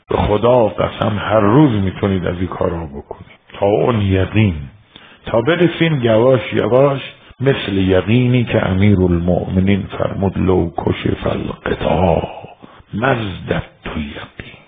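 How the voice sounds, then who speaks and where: A man from Iran preaching a religious sermon and telling a story, moving between quiet narration and fervent outbursts. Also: low voice, slightly rough. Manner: emotive, swings from quiet to crying out. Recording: tinny phone-like sound.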